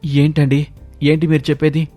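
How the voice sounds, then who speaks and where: A worried young husband and son, as the narrator puts him on in an animated storybook tale. He speaks urgently, raising his voice above the narrator's own. Faint music plays behind him. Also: a little high, normal speed, pitched above the performer's own voice, close to an everyday voice. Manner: urgent, questioning.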